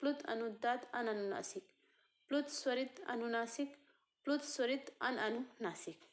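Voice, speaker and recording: High-voiced woman teaching a grammar lesson. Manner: slow, repetitive, asks and answers own questions. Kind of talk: Hindi grammar lecture.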